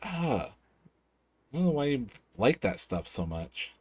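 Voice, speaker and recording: A man's voice: medium pitch, big pitch swings, unhurried, a little mellow, slightly rough, no echo, pitched above the performer's own voice. A man voicing an innocent young girl who asks naive, curious questions.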